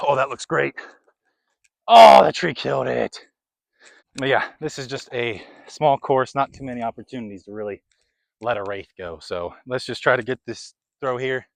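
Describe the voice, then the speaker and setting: A man's voice: mid-range voice, fairly bright tone. A young man talking through a disc golf round outdoors, chatty and a little out of breath. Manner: chatty, running commentary between throws. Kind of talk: casual play-by-play commentary.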